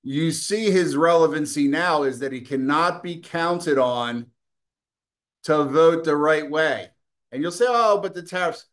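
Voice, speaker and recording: A man's voice: on the high side, unhurried. A middle-aged man hosting a political commentary show, delivering a combative, scornful and profane opinion monologue, with occasional coughing.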